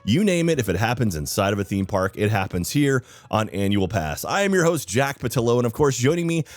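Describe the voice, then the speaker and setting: A man's voice: mid-range voice, very animated, fairly quick, soft background music. A man hosting a podcast in a casual, chatty, enthusiastic way, his voice slightly off because he is sick. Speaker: podcast host.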